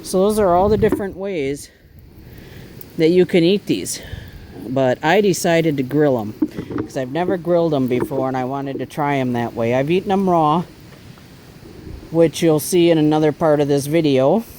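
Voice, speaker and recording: A man's voice: fairly high pitch, normal speed, dark tone, slight background noise, rough recording. A man casually talking through an outdoor cooking vlog, chatty and easygoing while he eats and cooks by a fire. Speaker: bushcraft vlogger.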